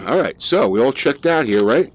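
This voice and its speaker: A man with a mid-range, fairly bright voice and vocal fry casually talks his way through a flight simulator session. As a flight sim streamer, he thinks aloud with fillers while flying.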